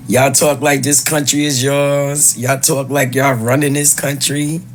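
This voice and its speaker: A man's voice: medium pitch, flat delivery, measured pace, soft background music. A man giving taunting commentary, mocking his listeners with rhetorical questions. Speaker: social media commentator.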